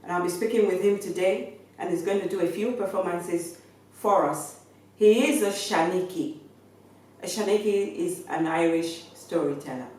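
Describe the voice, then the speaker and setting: A woman hosts an interview in a soft-edged, mellow voice of medium pitch. Her conversational questions come from a little way off the mic, with heavy room echo around them. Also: moderate pace. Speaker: interview show host. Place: reverberant room, away from the mic. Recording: echoey room, distant from the mic.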